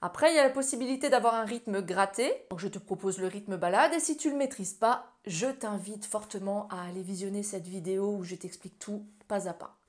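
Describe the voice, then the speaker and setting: A woman's voice: mid-range voice, a little fast, hardly any pauses. A woman giving a casual ukulele tutorial, explaining chords and strumming step by step in a friendly way. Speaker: ukulele teacher. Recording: loud ukulele music under voice. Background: loud ukulele playing.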